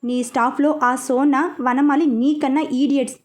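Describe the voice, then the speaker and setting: A woman's voice: high voice, steady tone, moderate pace, close to an everyday voice. A woman voicing an angry young office worker who scolds and insults her boss.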